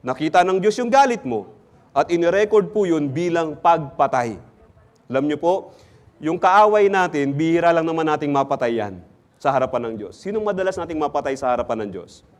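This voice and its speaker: Man, pastor, high-pitched, interactive sermon, jokey questions to the congregation. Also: animated, fairly quick. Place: church.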